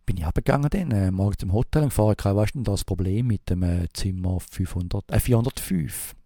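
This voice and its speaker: A man with a Swiss German accent telling a rambling anecdote in a casual way, halting often with fillers and restarts and imitating thumping sounds. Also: lowish voice, dark tone, no room sound, clean studio sound. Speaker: storyteller.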